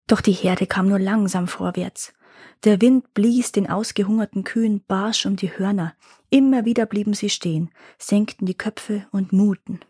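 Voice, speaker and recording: A woman storyteller reading a legend aloud in a calm, measured pace at a middle pitch. Her voice sits dry and close to the microphone, with no room sound behind it. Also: slightly rough, dry recording. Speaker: podcast storyteller. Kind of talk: scripted fairy-tale narration.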